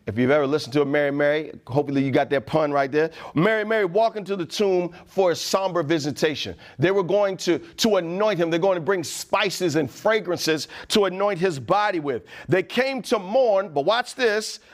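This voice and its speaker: A male pastor preaching a sermon in an animated way, dropping slang asides. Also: high voice.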